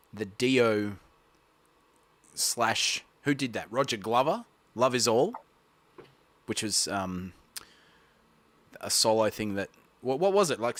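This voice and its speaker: A man's voice: medium pitch, fairly bright tone, dry recording. A man hosting a music livestream, chatting casually and reading out viewer comments with a laugh. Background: guitar playing.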